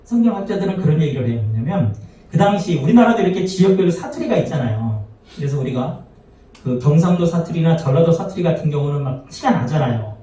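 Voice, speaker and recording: A male pastor preaches a sermon in a high, mellow voice at a quick pace, expressively acting out quoted lines and often putting rhetorical questions to the congregation. He stands far back from the microphone in a church sanctuary, so his voice sounds distant and rings through the very echoey hall.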